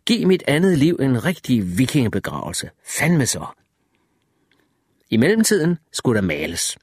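A man's voice: mid-range voice, sing-song, a little mellow, husky, dry recording, clean studio sound. Man narrating an audiobook. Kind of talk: scripted first-person narration.

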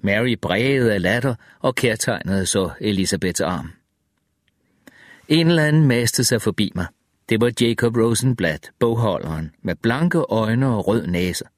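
A man reading an audiobook in steady, measured scripted narration, close to the microphone. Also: on the low side, dry recording.

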